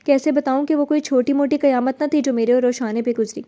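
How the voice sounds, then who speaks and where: A woman's voice: high voice, steady tone, dark tone, lightly acted. A woman reading a story aloud, voicing a young man full of grief and remorse over his murdered parents. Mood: anguished. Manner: anguished, pleading.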